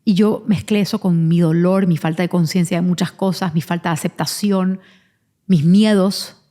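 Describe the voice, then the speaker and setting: A woman's voice: lowish voice, steady tone, normal speed, dark tone. A woman hosting a podcast, telling a painful personal story frankly and openly, with restarts as she goes. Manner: frank, confessional, openly vulnerable; rambling restarts while recounting. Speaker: podcast host; mother of twins.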